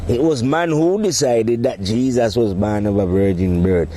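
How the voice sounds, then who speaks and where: A man's voice: mid-range voice, moderate pace, mellow. Rambling man musing aloud. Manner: rambling, provocative, laughs at his own points. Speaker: podcast host. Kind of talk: casual spoken monologue.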